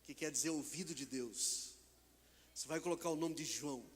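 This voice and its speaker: A man with a Brazilian Portuguese accent preaching a sermon as pastor, animated, acting out the dialogue of the figures in his story. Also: a little high, normal speed. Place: church hall. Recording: long church hall reverb.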